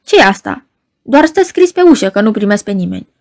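A woman's voice: medium pitch, big pitch swings, a little mellow. A woman voicing an irritable, arrogant male official who speaks curtly. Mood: irritated. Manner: curt, arrogant.

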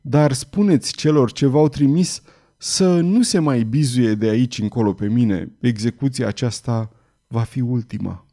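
A man voicing a grieving former executioner who speaks in a sorrowful, sighing, low way, in an audiobook reading. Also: warm tone, close to an everyday voice. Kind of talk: audiobook character voice.

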